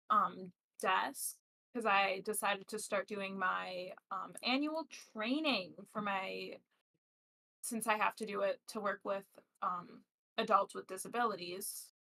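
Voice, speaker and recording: A woman's voice: mid-range voice, bright, forceful tone. A young woman co-hosting a podcast, telling a story in casual chat with hesitant ums. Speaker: podcast co-host.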